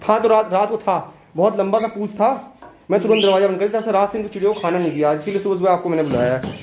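A man with a high voice talks fast and excitedly, firing off question after question as he vlogs. The audio is noisy, with steady background noise under him. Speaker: vlogger. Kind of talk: casual vlog chat.

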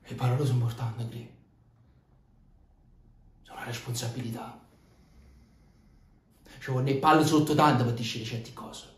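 A man's voice: mid-range voice, fairly even intonation, normal speed, long pauses, natural voice. An actor in his twenties with a Neapolitan accent playing a bitter, angry young man in a dramatic scene. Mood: bitter, controlled. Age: 20s. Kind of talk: dramatic screen-acting monologue. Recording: roomy echo, faint background noise.

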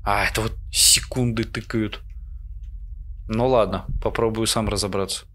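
A low-pitched male gamer talks through a horror game in a casual, uneasy way. He mutters to himself nervously, with clearly audible game ambience and noise behind his voice. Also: steady tone, moderate pace, pushed and bright. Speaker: gamer, let's play host.

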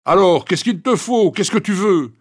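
A man's voice: high-pitched, animated, moderate pace, breathy edge, pitched above the performer's own voice. A man playing a kind, worried old farmer in a children's story, coaxing and exclaiming in alarm. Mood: pleading. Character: kindly worried old farmer, fond of his goats. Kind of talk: storybook character voice.

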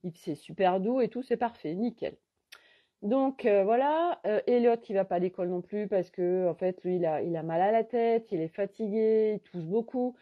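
A middle-aged woman, a holistic coach, telling a rambling, animated story in a casual live stream. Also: medium pitch, moderate pace. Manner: rambling, chatty, animated retelling. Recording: dull lo-fi sound.

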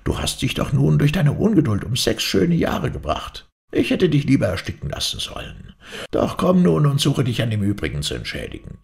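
A man's voice: mid-range voice, huge pitch swings, normal speed, creaky, darkish tone, pitched above the performer's own voice. A man voicing a grumpy, impatient male spirit who scolds in a fairy tale reading. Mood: scolding.

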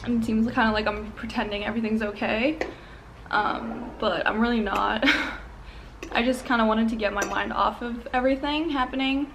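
A woman's voice: fairly high pitch, steady tone, a little fast, slight background noise, low-quality recording. A young woman filming a casual eating vlog at home, talking candidly with lots of fillers between bites. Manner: chatty, filler-heavy, candid. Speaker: YouTuber. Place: at home, indoors.

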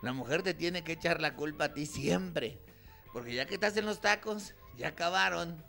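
A man's voice: a little high, moderate pace, creaky, pushed and bright, faint music behind. A man with a Mexican accent doing a stand-up comedy routine, acting out both sides of a couple's quarrel.

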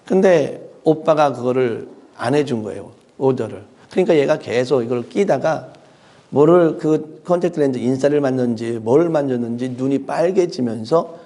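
Gravelly, husky-voiced pastor preaching. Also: male voice, mid-range voice, animated, normal speed, mellow. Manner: conversational storytelling with rhetorical questions. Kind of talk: sermon.

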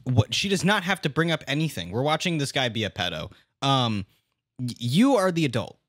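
Animated young man ranting. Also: mid-range voice, fairly quick, dry recording, studio quality. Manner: exasperated, swearing, ranting. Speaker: streamer reacting to a video. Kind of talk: casual reaction commentary.

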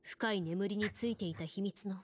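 A woman voicing a calm, commanding duelist. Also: medium pitch, close to an everyday voice. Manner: composed, measured. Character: calm, commanding female duelist acting as game master. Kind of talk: Japanese game voice acting.

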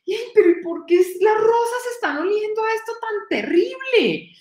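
Fussy old grandfather, put on by a woman; high, exclaiming storybook voice with room echo. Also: sing-song, moderate pace, a little mellow. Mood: whiny dismay. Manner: exaggerated, exclaiming, whiny storytelling voice. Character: fussy old grandfather, baffled by a bad smell.

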